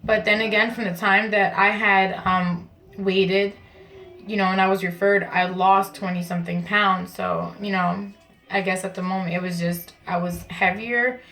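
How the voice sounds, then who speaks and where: Female vlogger, casual and chatty, mid-range voice with heavy creak, informal explainer delivery to camera. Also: medium pitch, fairly even intonation, normal speed, fairly bright tone, rough recording. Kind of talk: casual vlog talk to camera. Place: at home in a bathroom.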